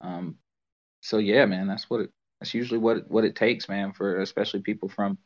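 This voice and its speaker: A man co-hosting a casual sports podcast, explaining things earnestly with frequent halting restarts. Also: on the low side, vocal fry. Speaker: podcast co-host. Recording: muffled lo-fi podcast audio.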